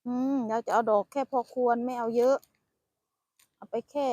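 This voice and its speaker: A woman's voice: fairly high pitch, steady tone, moderate pace, mellow, dry recording. An older woman from northeast Thailand with an Isan accent, chatting casually by a roadside while foraging and talking to her grandchild. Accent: Isan Thai. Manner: chatty, laughs often, talks to grandchild. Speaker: vlogger. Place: roadside outdoors. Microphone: phone camera.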